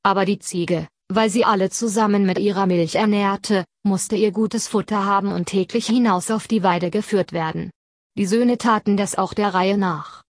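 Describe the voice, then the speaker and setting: Female narrator for a fairy tale audiobook, calm and even, recorded close and dry. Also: medium pitch, normal speed, no echo.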